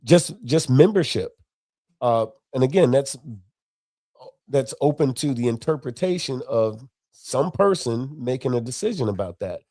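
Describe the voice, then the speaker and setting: Guy from florida, blunt and folksy, mellow dark tone, dry close sound. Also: medium pitch, lively intonation, unhurried, no echo. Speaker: podcast co-host. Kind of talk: casual podcast chat.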